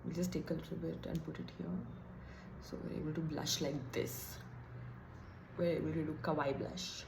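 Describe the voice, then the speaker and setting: Low-voiced woman chatting in echoey room. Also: level tone, moderate pace, gravelly, noisy background. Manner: chatty, thinking aloud, self-deprecating. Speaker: beauty vlogger. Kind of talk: casual get-ready-with-me chat.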